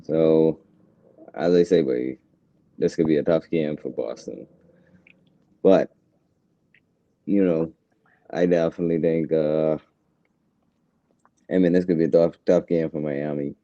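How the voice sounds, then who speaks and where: A man's voice: a bass voice, fairly even intonation, unhurried, long pauses, warm tone, no echo, muffled recording. A man co-hosting a casual sports chat, brash and slangy, talking up his picks with swagger. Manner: brash, slangy trash talk. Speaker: co-host.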